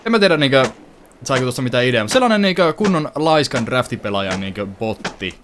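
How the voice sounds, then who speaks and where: A young man talks his way through a survival game for his channel, chatty and addressing the viewers directly. His voice sits at an ordinary pitch but swings up and down a lot, with sudden excited yelps. The sound is close and direct, like a desktop gaming mic. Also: a little hiss or hum. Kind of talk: casual let's-play commentary.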